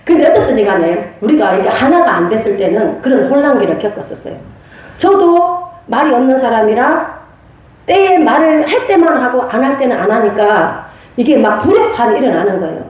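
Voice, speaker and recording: Woman teaching a church class, high voice, lively pitch, laughs often, very echoey hall. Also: brisk. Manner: animated, laughs often while telling stories. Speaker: pastor's wife teaching a prophecy class. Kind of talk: church lecture with storytelling. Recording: very echoey room.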